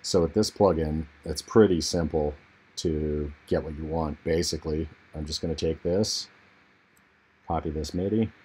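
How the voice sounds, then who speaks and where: A man on a low-quality built-in mic, very deep and flat. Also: moderate pace, breathy edge. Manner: laid-back, relaxed, with frequent fillers. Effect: low-quality built-in computer mic. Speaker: music production tutorial host. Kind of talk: casual software walkthrough. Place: untreated room in a family home. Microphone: internal computer mic.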